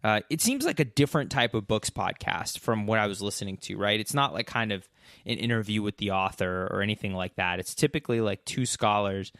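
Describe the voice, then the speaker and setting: A podcast co-host rambles through casual chat with plenty of fillers, speaking a little fast in a lowish voice with a fairly bright tone. The recording is clean studio sound with no echo.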